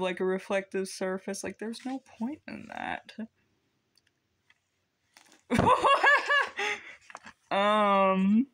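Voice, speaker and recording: Teen boy, unhurried unboxing chatter, hesitant and rambling. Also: sits high, sharp tone. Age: teens. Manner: rambling, hesitant, many ums. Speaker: vlogger. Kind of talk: casual unboxing chat.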